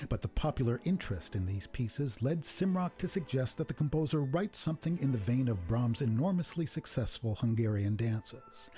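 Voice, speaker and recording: A man giving a scripted documentary narration about a composer, in a measured, even storytelling manner. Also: mid-range voice. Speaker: program narrator.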